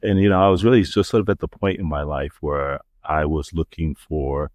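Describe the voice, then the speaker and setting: A middle-aged man, chatting casually as a podcast guest, relaxed, with many fillers and restarts. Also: a bass voice, normal speed, no room sound, clean studio sound. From New York (the Bronx). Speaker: podcast guest, marketing agency founder. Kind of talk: casual interview chat.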